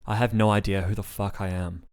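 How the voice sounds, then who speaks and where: A man's voice: lowish voice, fairly even intonation, fairly quick, a little mellow, clean tone, close to an everyday voice. A man reading the part of an angry, sarcastic young woman patient in a storybook reading. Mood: furious. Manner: sarcastic, swearing tirade.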